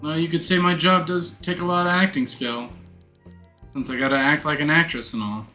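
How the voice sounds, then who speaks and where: A man's voice: a little high, steady tone, brisk, pushed and bright. A man voicing a brash, slangy woman thief who poses as a starlet, with streetwise wisecracks, in a game. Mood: exasperated confession. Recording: roomy echo, music behind.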